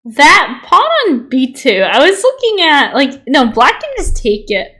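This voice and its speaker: Woman chess streamer, lively sing-song delivery, slow and unhurried, giggles easily. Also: high-pitched. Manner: easily amused, breaks into giggles, chatty asides to viewers. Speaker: chess streamer reviewing viewers' games. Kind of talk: casual livestream game analysis.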